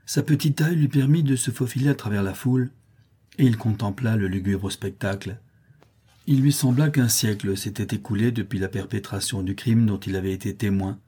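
A man reading a classic novel aloud as an audiobook narrator, in a steady, measured way. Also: fairly low pitch, slightly rough.

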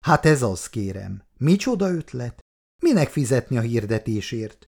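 A man's voice: mid-range voice, big pitch swings, vocal fry, a little mellow. A man reading aloud and voicing an eager, slightly pompous male shop manager. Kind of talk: storybook reading.

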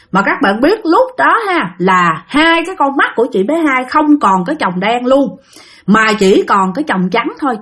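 Animated woman storyteller. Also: on the high side. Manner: animated, addressing listeners directly. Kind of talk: ghost story narration.

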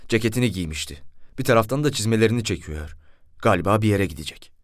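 A man's voice: on the low side, lively intonation, quick pace, no echo, clean studio sound. A man reading a first-person novel aloud as an audiobook, telling the story expressively. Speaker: audiobook reader.

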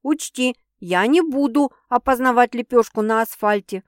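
A woman putting on a loud, high, teasing big sister for a storybook read-aloud. She mocks and scolds in a blunt, quick way, voice pitched well up and sharp. Dry, close recording. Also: dry recording, natural voice. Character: brash teasing young woman, older sister.

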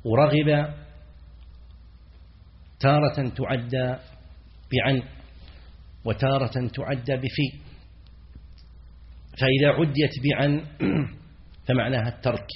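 A middle-aged man lecturing as an Islamic scholar. He explains grammar and meaning step by step, repeats key words, quizzes his students and clears his throat now and then. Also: medium pitch, fairly even intonation, slow, pauses often. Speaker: Islamic scholar teaching a text. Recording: dull lo-fi lecture recording.

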